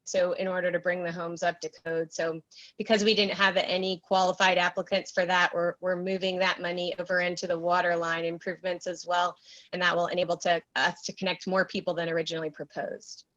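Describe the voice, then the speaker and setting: A woman giving a formal, halting presentation as a consultant at a public meeting over a remote call. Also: lowish voice, flat delivery, fairly bright tone. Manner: halting, hesitant phrasing. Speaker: grant consultant presenting to county commissioners. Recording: muffled remote video-call audio.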